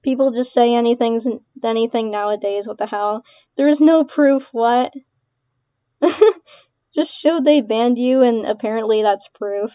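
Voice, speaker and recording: A young woman delivers casual reaction commentary in a sarcastic, dismissive way, cursing freely. She talks slowly in a fairly high voice. The sound is tinny and dry, like a phone line. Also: dry recording. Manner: dismissive, sarcastic, swearing, laughing between remarks. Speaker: online creator responding to accusations.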